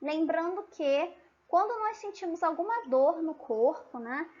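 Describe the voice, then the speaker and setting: A language teacher with a Brazilian Portuguese accent speaks in a very high, animated voice with a darkish tone at a measured pace, on dull-sounding audio. Giving an online lesson, she explains patiently, repeats herself, and checks in often with tag questions.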